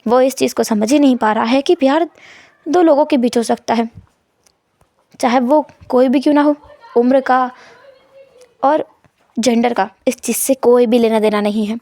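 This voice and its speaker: Woman storyteller, high voice, dry close sound; narrates and voices squabbling characters. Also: moderate pace, pauses often, mellow, no echo. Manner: acts out quarrelling characters in dialogue. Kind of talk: fan fiction narration with voiced dialogue.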